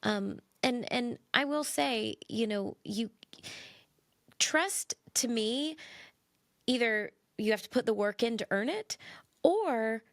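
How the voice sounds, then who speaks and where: Hoarse, gravelly woman podcast host. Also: fairly high pitch, lively intonation, takes it slowly, no echo, clean studio sound. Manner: reflective, earnest wrap-up talk. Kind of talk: casual podcast chat.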